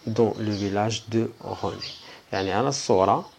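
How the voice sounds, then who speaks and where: Give me a gravelly man teaching French. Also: fairly low pitch. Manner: repeats each French phrase slowly, then translates it quickly into Arabic. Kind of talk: language lesson, reading French sentences aloud slowly and explaining them in Arabic. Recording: faint background noise and clicks.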